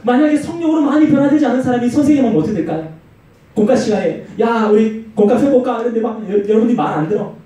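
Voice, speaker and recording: A man preaching a youth sermon in a church, telling stories and acting out the quotes. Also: racing. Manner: animated storytelling with acted-out quotes and swinging pitch. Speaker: youth pastor. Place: church hall. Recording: very echoey hall, mic far off.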